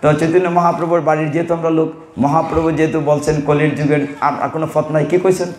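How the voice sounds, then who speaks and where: A preacher speaks to a devotional gathering, his man's voice sitting somewhat high. He teases his listeners with folksy asides and recites scripture slowly. The room around him is echoey. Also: level tone, a little mellow. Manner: teasing, folksy preaching with slow Sanskrit recitation. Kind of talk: devotional sermon. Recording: roomy hall echo.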